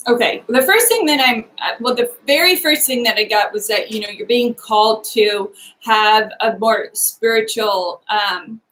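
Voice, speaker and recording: Gentle, halting woman giving a psychic reading. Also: a little high, poor audio. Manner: hesitant, halting, many fillers; speaks gently in first person for the sitter. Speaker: psychic medium.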